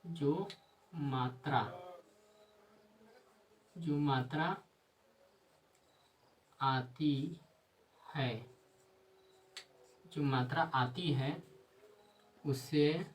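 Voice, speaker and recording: A man teaching a grammar lesson, repeating himself and answering his own questions, sometimes dictating slowly word by word. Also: on the high side, distant mic, a little hiss or hum, rough recording.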